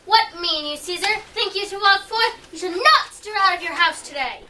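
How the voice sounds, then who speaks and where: A woman's voice: very high-pitched, normal speed. A woman playing a fearful Roman wife who pleads in verse, in an amateur stage performance. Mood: urgent. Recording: distant mic, faint noise.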